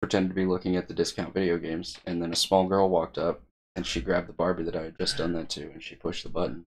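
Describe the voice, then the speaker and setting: A man's voice: low-pitched, little pitch movement, fast. A young man co-hosting a casual podcast, telling stories in a blunt, profane, emphatic way. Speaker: podcast co-host.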